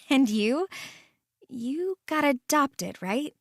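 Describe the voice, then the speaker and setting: Slow, measured woman narrating a story. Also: high-pitched, animated, no room sound, clean studio sound. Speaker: narrator and lead character. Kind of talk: first-person story narration.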